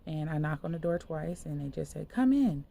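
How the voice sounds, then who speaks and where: A woman's voice: sits low, level tone, fairly quick, creaky, dark tone. A woman minister giving a casual spoken sermon, retelling a dream in a loose, conversational way full of fillers.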